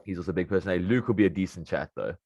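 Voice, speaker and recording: A man's voice: deep voice, racing, a little mellow, dry recording. A young South African man chatting casually as an interview guest, with a slangy, matey way of talking. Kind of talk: casual chat.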